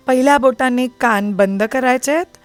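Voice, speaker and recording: A woman teaching prenatal yoga and breathing, speaking calmly and slowly, sometimes nearly whispering. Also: high voice, dry recording, faint music behind. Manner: calm, slow, soothing, at times near a whisper. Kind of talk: guided breathing and yoga instruction.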